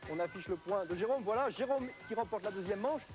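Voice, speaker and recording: A man with a French accent hosting and giving excited live game commentary in a raised, urgent voice. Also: high voice, quick pace. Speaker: game show host commentating. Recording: music under the voice. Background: prominent music.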